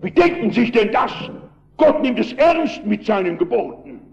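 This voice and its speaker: A man's voice: high voice, big pitch swings, normal speed, gravelly, a little mellow, lo-fi sound. An older man who is a pastor, delivering an impassioned sermon and telling a story from his youth.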